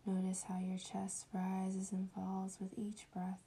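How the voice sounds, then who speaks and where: A woman leading a guided meditation in a soft, breathy, often whispery voice, soothing and hushed like at a spa, with long pauses. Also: mid-range voice, completely flat delivery.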